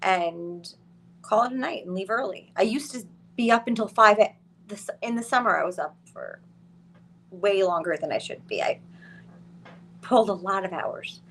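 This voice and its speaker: A woman's voice: mid-range voice, normal speed, fairly bright tone, slight background noise. A woman in her late thirties, a podcast guest, chatting casually and laughing often. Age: late 30s. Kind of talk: casual chat.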